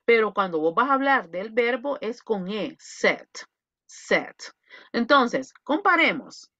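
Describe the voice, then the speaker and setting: A woman English teacher giving an online pronunciation class, slowly drilling and repeating words over a video call. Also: fairly high pitch, very animated, pushed and bright, dry recording, lo-fi sound.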